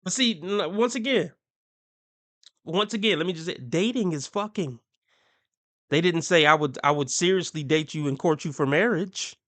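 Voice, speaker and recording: Fairly bright and on the high side, this male host's voice moves at a moderate pace as he mocks his subjects in a reaction commentary, frequently laughing and imitating voices when quoting others.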